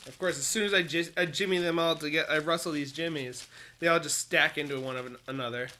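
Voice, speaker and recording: A man with a high, bright voice chatting loosely on a podcast. He stumbles through his ideas with restarts and fillers, swearing offhandedly. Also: fast, slight background noise. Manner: rambling, hesitant, swears casually. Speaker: podcast co-host. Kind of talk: casual brainstorming chat.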